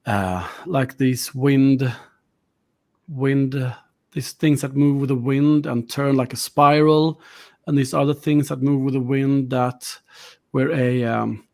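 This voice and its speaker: A man's voice: mid-range voice, steady tone, slow, vocal fry, a little mellow. A man with Swedish as his first language narrating a tabletop horror game as game master, rambling and searching for words.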